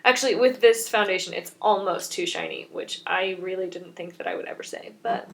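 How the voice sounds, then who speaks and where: A woman's voice: medium pitch, fairly quick, vocal fry, a bit bright. A young woman in her twenties, a beauty vlogger, chatting and explaining each step of her makeup in a rambling, self-mocking way.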